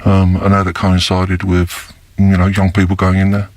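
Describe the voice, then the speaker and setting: An older former undercover police officer whose voice is disguised and pitched down, speaking slowly and haltingly in a recorded news interview. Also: male voice, monotone, no room sound. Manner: slow, halting, with many fillers. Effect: disguised voice, pitched down deep.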